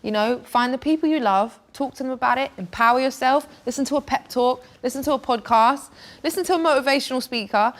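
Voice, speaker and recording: A young woman with a northern English accent, a guest telling stories in a blunt, animated way in casual interview chat. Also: sits high, fast talker. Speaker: guest singer-songwriter.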